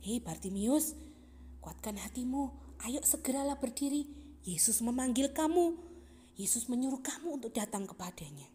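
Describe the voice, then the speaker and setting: A woman voicing an impatient crowd of townspeople in a children's Bible story, hushing and scolding sharply. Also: fairly high pitch, lively intonation, moderate pace, slight background noise, close to an everyday voice. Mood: urging.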